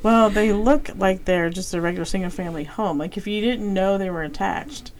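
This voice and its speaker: Host, woman, mid pitch, chatty, lively storyteller, faint hiss behind. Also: brisk, rough recording. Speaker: realtor podcast host. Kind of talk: casual podcast chat.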